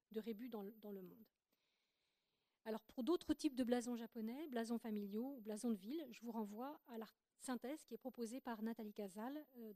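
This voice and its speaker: Woman giving a lecture, slightly high mellow voice, careful and full of little hesitations. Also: no echo, studio quality. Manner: careful, explanatory, with frequent hesitations and restarts. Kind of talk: academic lecture presentation.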